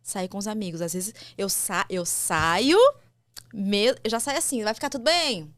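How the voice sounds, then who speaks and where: Brazilian woman chatting softly and openly, mid pitch, dry sound. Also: normal speed, no echo. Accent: Brazilian Portuguese. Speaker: guest, actress and mother. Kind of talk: casual conversation.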